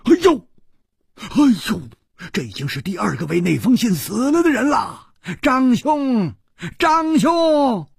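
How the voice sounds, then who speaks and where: A man voicing a startled gang leader in a storybook tale, crying out in a shrill voice. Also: sing-song, a little slow, creaky, breathy edge, no room sound, studio quality, heavily acted. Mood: alarmed. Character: alarmed male gang leader, excitable.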